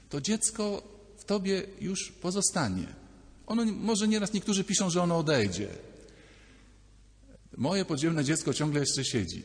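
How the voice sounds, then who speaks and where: Animated priest preaching in a reverberant church. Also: male voice, on the high side. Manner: lively, acts out little dialogues, addresses listeners directly. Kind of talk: sermon.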